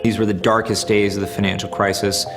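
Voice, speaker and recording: A man giving measured, analytical commentary in an interview. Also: on the low side, level tone, over music.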